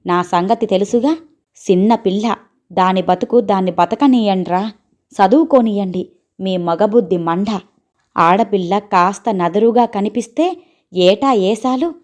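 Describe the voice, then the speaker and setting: A woman reading a storybook, voicing a stern middle-aged aunt who scolds in sharp village speech. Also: mid-range voice, close to an everyday voice.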